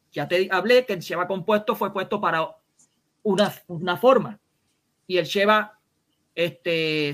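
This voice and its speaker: Una voz con acento caribeño en pleno debate religioso por videollamada. Insiste sin pausa, repite cada punto varias veces y encadena preguntas retóricas. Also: medium pitch, fairly bright tone. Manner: insistent, repeats points and fires rhetorical questions.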